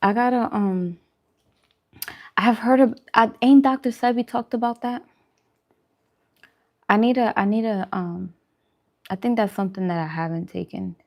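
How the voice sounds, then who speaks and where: A woman with a mid-range voice hosts a food vlog, chatting casually to viewers during a mukbang livestream. She speaks a little slowly with long pauses, using colloquial slang and repeating phrases for emphasis.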